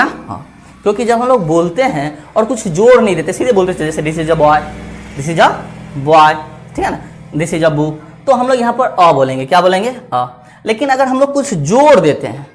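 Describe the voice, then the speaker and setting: A man teaching an exam-prep grammar lesson, repeating each point as a question and asking his students whether it is clear. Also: sits high. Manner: checks understanding with "clear?" and "theek hai na".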